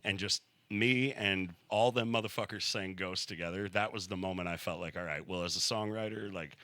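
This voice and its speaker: A man's voice: sits low, moderate pace, pushed and bright, no echo. A man who writes songs and plays guitar in a rock band, telling a story on a casual podcast, swearing freely with a wry edge. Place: home-built recording studio.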